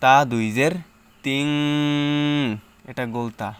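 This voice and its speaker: A man's voice: medium pitch, fairly even intonation, smooth. A man teaching Quran reading, patiently spelling out letters and sounding each syllable. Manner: patient, step-by-step drilling, recites louder and slower. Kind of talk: spelling out and reciting letters slowly.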